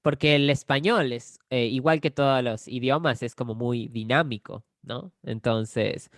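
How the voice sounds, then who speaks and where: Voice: medium pitch, measured pace, no room sound, studio quality. A speaker from Córdoba in Argentina with a Cordoba Argentine accent, patiently explaining Spanish grammar with examples and often checking in with the listener. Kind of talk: explanatory conversation.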